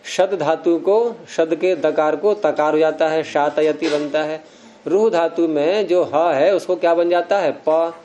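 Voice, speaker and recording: A man lectures a roomful of students on grammar, working through each rule patiently and stopping to put questions to the class. His voice sits a little higher than most men's but has a soft, mellow tone. It's an unhurried classroom lecture. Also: steady tone, muffled recording, slight background noise. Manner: explains step by step, quizzes students. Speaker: Sanskrit grammar teacher.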